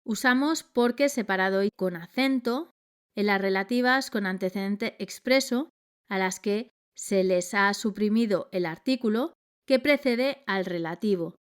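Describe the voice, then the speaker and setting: A woman reading a scripted grammar lesson in a measured, clear delivery. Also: mid-range voice. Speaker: grammar teacher.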